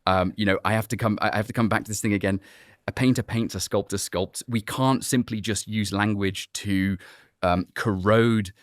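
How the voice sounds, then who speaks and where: Brief: male sculptor on a panel, low voice, emphatic, dry close mic. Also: fairly even intonation, moderate pace, no echo. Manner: emphatic and pushing back, conversational. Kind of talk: panel debate.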